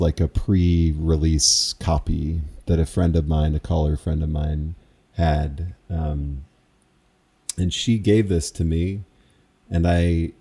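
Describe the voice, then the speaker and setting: A man's voice: low voice, warm tone. A man who calls square dances, recalling in a casual interview how he learned his craft, in a meandering, reflective, self-amused way.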